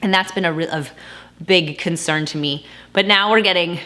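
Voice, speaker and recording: A woman's voice: fairly low pitch, normal speed, bright, forceful tone. A woman in her thirties chatting casually to her camera as a vlogger, upbeat and a little out of breath. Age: 30s. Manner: chatty, upbeat, frequent laughs. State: slightly out of breath.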